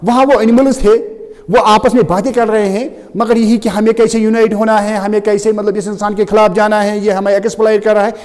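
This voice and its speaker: High-voiced male teacher in a reverberant hall. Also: flat delivery, darkish tone. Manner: mixes Hindi and English, keeps asking if students understand; reads definitions slowly and deliberately. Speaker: English teacher. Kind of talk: classroom lecture.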